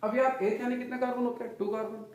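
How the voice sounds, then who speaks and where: A man teaches a chemistry lecture, quizzing his students with repeated questions and calling them "children" and "son." His voice is extremely high and darkish, with little pitch movement, and he talks fast. He's far from the mic and off-mic in a very echoey room.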